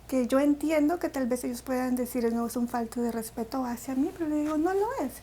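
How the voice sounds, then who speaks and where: This is a Salvadoran woman giving an interview about her own life, with a Salvadoran Spanish accent. Her voice sits high but has a soft, mellow warmth. She speaks reflectively, filling pauses and restarting her sentences. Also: a little hiss or hum. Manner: reflective, with many fillers and restarts. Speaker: interview guest. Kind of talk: personal story in an interview.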